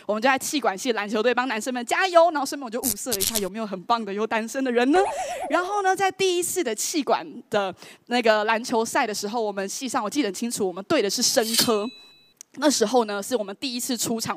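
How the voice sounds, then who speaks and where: A woman, telling a personal story in an animated, exclamatory way. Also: fairly high pitch, fast talker, noisy background. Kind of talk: lively storytelling. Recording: voice over loud background music. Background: background music.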